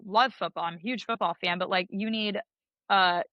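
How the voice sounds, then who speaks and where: A woman's voice: mid-range voice, steady tone, normal speed, dry recording, dull audio. A young woman, a judge and coach, talking in a chatty, emphatic way in a casual interview. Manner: chatty and emphatic, heavy use of "like".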